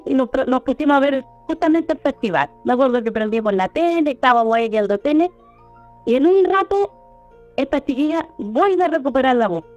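A woman's voice: fairly high pitch, a little mellow. Chilean woman telling a story over lo-fi audio. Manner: rambling, halting, repeats and restarts words. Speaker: storyteller guest. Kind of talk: recounting a personal experience. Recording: muffled lo-fi audio with faint music.

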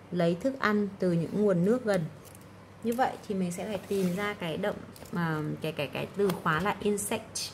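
A woman English teacher with a mid-range, slightly mellow voice goes through exam answers and explains the key words, with slight background noise. She checks in constantly with "right?", saying "đúng không?".

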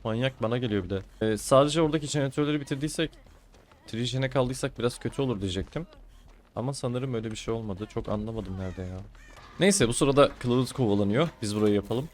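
A man's voice: mid-range voice, fast talker. A man giving casual running commentary as he plays a game, teasing his opponent and grumbling when things go wrong. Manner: chatty, teasing and exasperated. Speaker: gaming streamer.

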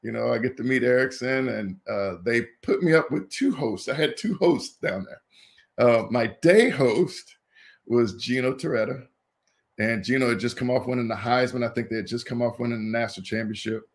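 A man in his fifties from Indianapolis, a former college football player telling stories as an interview guest, in a lively way that acts out the people he quotes. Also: medium pitch, moderate pace, creaky. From Indianapolis, USA. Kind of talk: casual interview storytelling.

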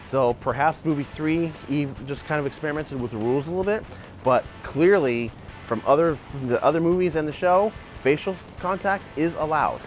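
Animated man arguing a point outdoors. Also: fairly high pitch, normal speed, soft background music. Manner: animated, gestures a lot while arguing a point. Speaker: martial arts channel host. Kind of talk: opinionated video commentary. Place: outdoor backyard by a wooden fence. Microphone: lapel mic.

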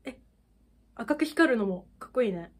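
A woman hosting a reaction video, reacting with excited exclamations and then talking through her thoughts casually. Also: a little high, moderate pace.

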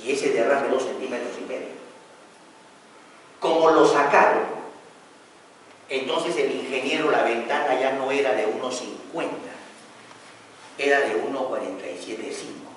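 A man's voice: medium pitch, a little slow, long pauses. A man teaching building supervision and telling a work story, acting out a quarrel between an architect and an engineer. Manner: animated storyteller, acts out quarrels. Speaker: construction instructor. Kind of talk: lecture with anecdote. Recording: echoey hall from far off, faint noise.

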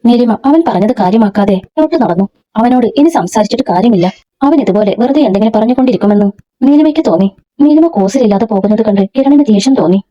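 Mellow-voiced woman reading a serial story. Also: fairly high pitch. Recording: dull lo-fi recording.

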